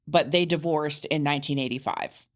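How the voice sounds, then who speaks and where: A woman's voice: low voice, fairly even intonation, normal speed. A woman co-hosting a casual true-crime podcast, reading case facts with hesitant fillers. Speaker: podcast co-host telling the case.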